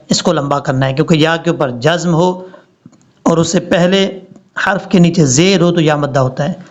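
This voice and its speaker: A man teaching Quran recitation, chanting words slowly and drawn out between quick, plain explanations. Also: a little high, muffled recording. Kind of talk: recitation lesson.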